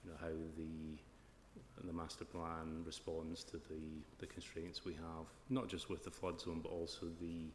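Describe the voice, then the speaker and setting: Speaking in a broad Scottish accent, this flood risk and drainage consultant answers formally as an expert witness during a planning inquiry's question-and-answer session. His voice is very deep and monotone, measured and nearly free of pauses, recorded in an echoey hall where background noise is clearly audible.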